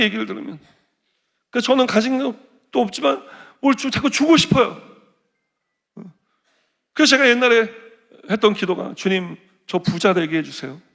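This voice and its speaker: A middle-aged male pastor giving a sermon, telling a personal story in an animated way and acting out his prayers and other people's words. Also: very high-pitched, vocal fry. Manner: animated storytelling, acts out prayers and quoted voices. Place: church.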